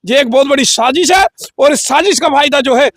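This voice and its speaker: A man's voice: very high voice, brisk, a bit bright, dry recording, clean studio sound. A man as an interview guest giving a heated, combative political statement with frequent filler phrases. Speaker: interview guest, local group leader.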